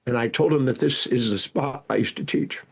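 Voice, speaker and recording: Gravelly older man telling stories. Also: medium pitch, brisk. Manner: animated storyteller, frequent restarts. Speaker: guest speaker and educator. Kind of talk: storytelling interview answers.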